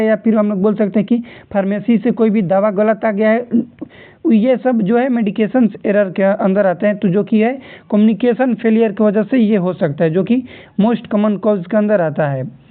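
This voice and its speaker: Man, nursing exam tutor, lecture style, repeats key terms, thin phone-line audio. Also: sits high. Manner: repeats key terms, tells students to remember.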